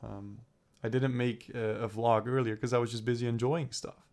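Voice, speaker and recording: In a personal video diary, a young vlogger recovering from a cold, his throat clearing up, rambles and swears while thinking aloud. His mid-range voice holds a steady tone at a moderate pace and sounds a little mellow.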